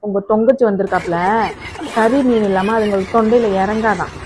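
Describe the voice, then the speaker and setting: A woman playing a sharp-tongued daughter-in-law in a family comedy skit, sarcastic and brisk. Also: mid-range voice, fairly even intonation, crowd noise.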